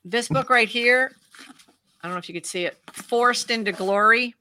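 A woman's voice: a little high, normal speed, pushed and bright, a little hiss or hum. A woman speaking as a panel guest, explaining with strong emphasis and urging listeners to act. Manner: emphatic, lecturing, urges action. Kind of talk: panel discussion.

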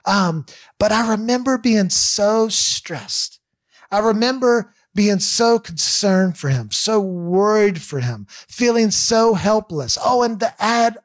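A man in his thirties telling a personal faith story as a pastor, candid and halting, with frequent restarts and fillers. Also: high voice, dry recording, studio quality.

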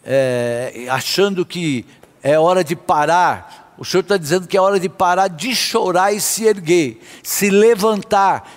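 A man preaching a sermon as a pastor, impassioned, sometimes half-singing his phrases. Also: high voice. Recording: long hall reverb.

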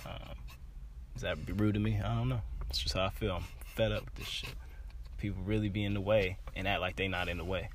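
A man's voice: on the low side, fast talker, a little hiss or hum. Blunt profane man hosting a podcast. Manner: blunt, profane, animated storytelling. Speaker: podcast host. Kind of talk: casual podcast chat.

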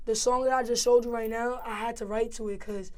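A young woman with a New York accent, chatting as a guest in a casual interview. She talks in a laid-back, slangy way and keeps checking in with "feel me?". Her voice sits a bit higher than most women's. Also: fairly even intonation, brisk, darkish tone. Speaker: rapper guest.

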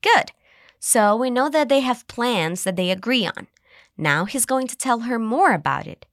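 A woman hosting an English lesson podcast, cheerful, modeling phrases slowly for listeners to repeat. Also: a little high, expressive, a bit bright, no room sound, studio quality. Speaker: English teacher and podcast host. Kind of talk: scripted language lesson.

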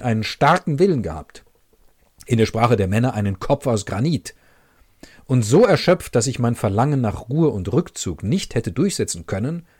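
A man reading a first-person novel passage aloud in a measured, reflective way. He then comments on it as a book reviewer. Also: mid-range voice, a little mellow, no room sound, clean studio sound. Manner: measured, reflective, pauses to savor sentences.

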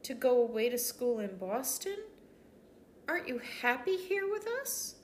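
A gentle aunt in a storybook, worried and tender, whose questions lift with concern. An older woman reading aloud puts her on, barely shifting from her own voice. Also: fairly high pitch, big pitch swings, measured pace, slight background noise, voice pushed up.

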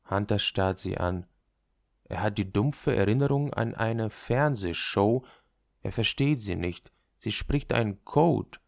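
A man narrating an audiobook in a measured, literary reading. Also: lowish voice, creaky, no room sound, clean studio sound.

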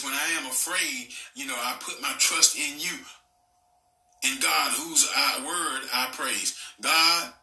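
A man's voice: mid-range voice, sharp tone, far from the mic. Man preaching, echoey and off-mic. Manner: preaching with constant "amen" and "praise God" interjections. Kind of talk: sermon.

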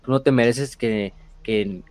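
A man's voice: medium pitch, a little slow, a little mellow, no room sound, close to an everyday voice. A man with a Mexican accent voicing a commanding demigod lord who talks bluntly and casually, with swearing. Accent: Mexican Spanish.

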